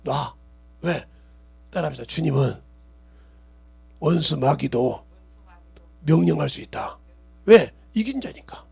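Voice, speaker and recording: A middle-aged man, a pastor, preaching a sermon that swings between loud shouting and quiet murmuring and often asks the congregation questions. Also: a little high, animated, takes it slowly, gravelly, long pauses, breathy edge.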